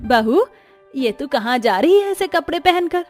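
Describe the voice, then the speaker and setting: A woman voicing a bossy, stubborn older mother-in-law in an animated cartoon story, who wails and complains loudly. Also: sits high, unhurried, faint music behind, pitched above the performer's own voice.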